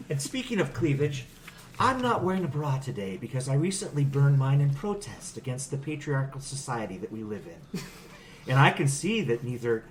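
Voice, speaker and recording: A man hosts a comedy podcast in a mock-earnest, joking tone. His pitch rises and falls a lot. Faint noise sits under the voice. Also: sing-song, moderate pace. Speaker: podcast host. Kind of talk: comedic movie review podcast chat.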